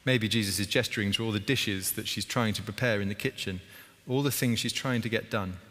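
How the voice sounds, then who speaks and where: Preacher with a chatty delivery. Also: male voice, fairly low pitch, fairly quick, a bit bright, in a large hall. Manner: conversational, asks the congregation questions, acts out scenes. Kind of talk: sermon.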